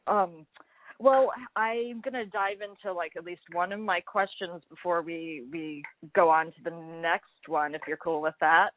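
A woman hosts a casual interview, easygoing and quick to laugh between questions. Her voice is narrow and phone-like, with a dry, close sound and no room echo. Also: lowish voice, fairly even intonation. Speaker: podcast host. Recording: thin phone-like line, dry.

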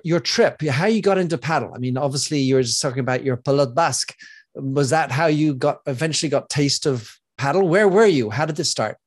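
A man hosting a podcast, presenting and interviewing in a chatty way that speaks directly to listeners and guest. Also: a little high. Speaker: podcast host.

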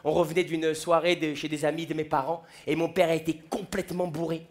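A man's voice: a little high, little pitch movement, fairly quick. A young man doing a stand-up routine on a festival stage, acting out the people in his stories in quoted voices. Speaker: stand-up comedian. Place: large comedy festival stage. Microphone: stage microphone.

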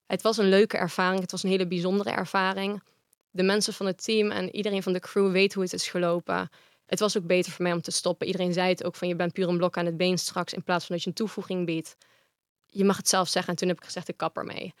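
Woman with a flat, level voice. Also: on the low side, fast, clear, resonant tone, no room sound, clean studio sound. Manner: frank, talks at length. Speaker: guest. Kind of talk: casual interview talk.

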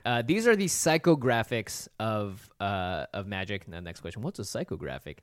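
A man's voice: lowish voice, big pitch swings, normal speed, smooth, dry recording, studio quality. A man hosting a podcast in casual chat, with a playful, jokey manner. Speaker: podcast host.

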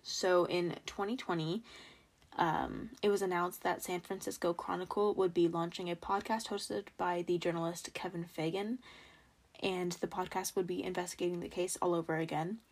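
A woman's voice: lowish voice, fairly even intonation, moderate pace. A young American woman hosting a true crime podcast alone in a casual, self-deprecating way, with some trouble pronouncing her R sounds. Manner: informal, self-deprecating asides. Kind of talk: casual solo podcast storytelling from notes.

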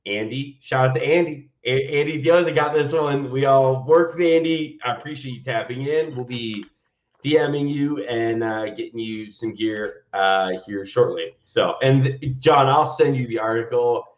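A man's voice: medium pitch, moderate pace, roomy sound, muffled recording. A man hosting a show with casual, comedic frat-bro banter. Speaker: show host.

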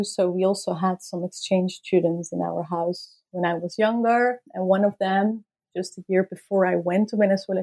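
Gravelly-voiced Dutch woman. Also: medium pitch, dark tone. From Netherlands. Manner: thoughtful, hesitant with many fillers, laughs easily. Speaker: anthropologist, guest. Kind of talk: interview.

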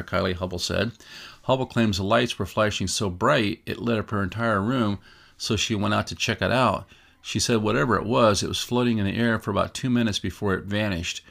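A man's voice: lowish voice, fairly quick, vocal fry, fairly bright tone. A man hosting a show, giving casual, musing commentary and reading out articles in a conversational way. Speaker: host of a UFO news show.

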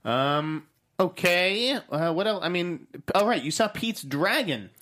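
Male co-host, casual film talk; upbeat, very lively pitch, leads the topics. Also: a little slow. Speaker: podcast co-host. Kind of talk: casual movie review chat.

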